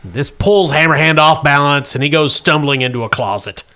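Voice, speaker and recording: A man narrating as game master of a tabletop game, brisk and playful, chuckling through his rulings. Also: fairly high pitch, sharp tone.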